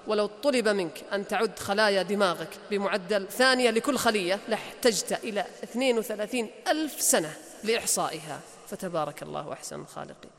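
A man's voice: high voice, fairly bright tone, long reverb tail. A man gives an emphatic motivational lecture as a coach, repeating key lines for effect.

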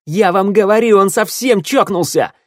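A man doing a shrill, venomous young accuser. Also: slow pace, warm tone, no room sound, studio quality. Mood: accusing. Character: spiteful, cowardly young man, a sneering accuser.

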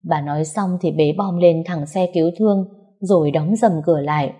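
A woman's voice: on the low side, normal speed, mellow, slightly rough. A woman narrating a first-person story in an earnest, emotional way. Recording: dull lo-fi recording.

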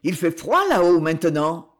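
Her voice is low and expressive, moving at a normal speed. She voices a stern young nobleman whose commanding lines come out firm, cold and ironic.

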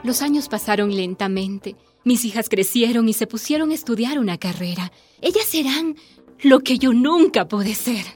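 A woman's voice: on the high side, expressive, normal speed, a little mellow, breathy edge, soft background music. A woman playing a lonely middle-aged housewife and mother who has turned to drink, telling her story in a confessional, tearful radio drama monologue. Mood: weary. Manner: confessional, tearful, self-pitying. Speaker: housewife protagonist narrating her life.

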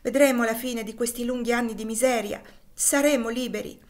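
A woman voicing a young husband fleeing slavery in an audiobook, in an earnest, strained, soft manner. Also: mid-range voice, normal speed, lightly acted. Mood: earnest anxious. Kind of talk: audiobook dialogue.

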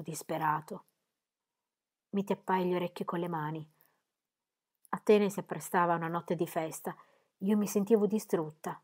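Woman reading an audiobook in first person, soft and intimate, goes quiet and low at times. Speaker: audiobook reader.

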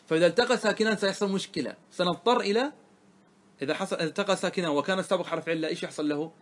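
A man's voice: sits high, racing. A man, a religious scholar, teaching a grammar lesson to a class, often quizzing his students and repeating the key points.

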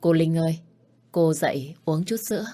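A frank older housemaid gives plain, blunt advice, as a woman narrating a storybook voices her. Her voice is low and matter-of-fact. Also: normal speed, dark tone.

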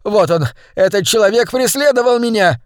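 A man's voice: extremely high pitch, animated, moderate pace, fairly bright tone, smooth, no echo, studio quality, pitched above the performer's own voice. A man voicing a short, fat, hysterical man who complains shrilly. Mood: shrill whining.

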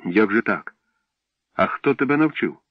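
A man voicing an excited, curious schoolboy who is amazed by everything. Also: lowish voice, moderate pace, no echo. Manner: amazed, eager. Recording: dull dry recording.

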